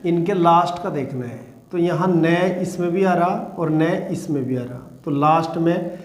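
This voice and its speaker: Guy teaching hindi grammar, western UP accent, drags it out slow, repeats stuff and quizzes the class, roomy echo. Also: on the high side. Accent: Western Uttar Pradesh Hindi. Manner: explains slowly, repeats key words and asks the class questions. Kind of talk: classroom lecture.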